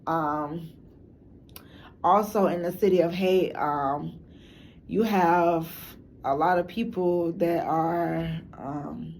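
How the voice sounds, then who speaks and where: A woman's voice: fairly low pitch, steady tone, takes it slowly, a little mellow, a little hiss or hum. Rambling woman with a Chicago accent. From Chicago, United States. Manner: loose, meandering storytelling with frequent restarts. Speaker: documentary maker and narrator. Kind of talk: casual documentary talk.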